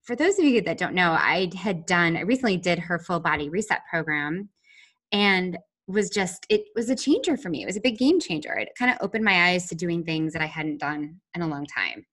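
A woman's voice: fairly low pitch, expressive, a little fast, fairly bright tone. A woman hosting a podcast in an enthusiastic, conversational way, sometimes from a prepared script. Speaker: podcast host. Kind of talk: casual podcast chat with scripted intro.

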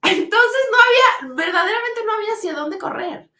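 Lively Mexican woman telling a story. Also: extremely high pitch, brisk, reverberant. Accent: Mexican Spanish. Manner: animated storytelling, slangy, laughs often. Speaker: podcast co-host. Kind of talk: casual chat.

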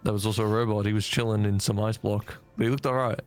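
A man's voice: fairly low pitch, steady tone, fast, darkish tone, faint music behind. A man playing a tabletop game, rambling and joking casually. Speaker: player.

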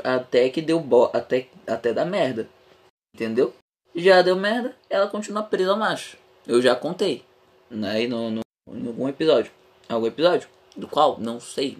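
A man's voice: mid-range voice, lively intonation, moderate pace, breathy edge. Rambling young man on a podcast. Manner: rambling, frank, swears freely, often laughs. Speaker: podcast host. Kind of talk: casual podcast chat.

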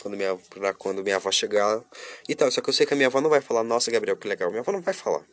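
A young man talking casually and openly to his viewers. He shifts between loud, lively bursts and quiet, subdued stretches. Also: fairly low pitch, racing. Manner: chatty, talks straight to viewers, often breaks off and restarts. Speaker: vlogger. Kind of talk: casual confessional monologue.

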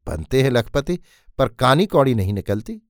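A man voicing a meddling, sharp-tongued older aunt in a spoken story, taunting and scolding. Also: medium pitch, sing-song, normal speed, no echo, clean studio sound, lightly acted.

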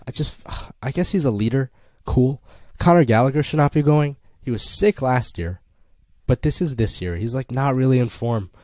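A man's voice: medium pitch, lively intonation, moderate pace, a little mellow, dry recording. A young man co-hosting a casual football podcast, opinionated and sarcastic as he argues his picks. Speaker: podcast co-host.

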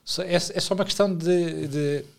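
A man's voice: sits high, steady tone, moderate pace, vocal fry. This man speaks with a European Portuguese accent. He co-hosts a casual podcast, and his talk is playful and rambling, often poking fun at himself. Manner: playful, rambling, self-mocking. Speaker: podcast co-host.

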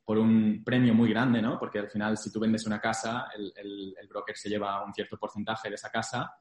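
Young male interview guest, fairly deep voice, casual Spanglish with English business jargon, reverberant room sound. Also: level tone, a little fast. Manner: Spanglish, mixing English business terms into Spanish. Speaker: interview guest, former investment banking analyst. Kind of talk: casual interview, telling career experience. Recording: echoey room.

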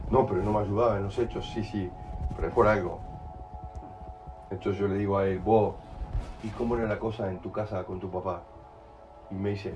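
A man with a Rioplatense Spanish accent giving an in-person talk to an audience. He tells stories with lively acted-out voices and keeps checking in with "¿entendés?". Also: sits low. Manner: animated storyteller, acts out voices, keeps asking "¿entendés?". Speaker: speaker at a live talk. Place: room with a live audience.

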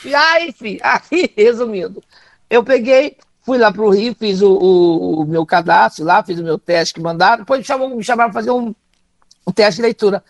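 A woman's voice: medium pitch, moderate pace, dry recording. A middle-aged woman from Minas Gerais with a Brazilian Portuguese accent, telling stories as a comedian guest, laughing often and acting out the dialogue. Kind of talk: animated anecdotal storytelling.

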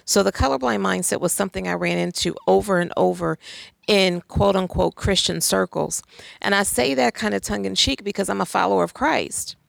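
A guest speaker with a medium-pitched, strongly gravelly voice full of fry talks a little fast about faith and society, conversationally yet with emphatic, pointed conviction and rhetorical questions. The sound is close and dry, with no echo or room.

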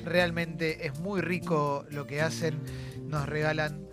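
Argentine radio cohost hyping sponsors, lots of ehs, high voice, music behind. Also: male voice, flat delivery, slow pace. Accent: Argentine Spanish. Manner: enthusiastic, chatty, hesitant fillers. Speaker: radio co-host reading sponsors. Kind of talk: casual radio sponsor plugs. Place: radio studio. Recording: radio studio with music under.

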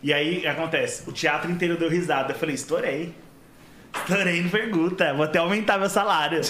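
A man's voice: on the high side, steady tone, fairly quick, a bit bright, echoey room, a little hiss or hum. A man telling a story in a casual podcast chat, acting out quotes and laughing often.

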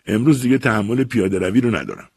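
A man's voice: on the low side, big pitch swings, gravelly, darkish tone, slightly rough, dry recording, studio quality, pitched above the performer's own voice, heavily acted. A man reading a story aloud, voicing a heavy, gloomy older aunt who nags her grown daughter in a fussy, complaining tone. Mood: weary.

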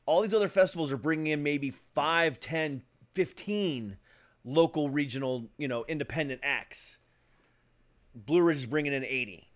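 A man's voice: on the high side, normal speed. A man in his forties hosting a casual podcast chat, laid-back, swearing and laughing often. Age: 40s. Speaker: podcast host.

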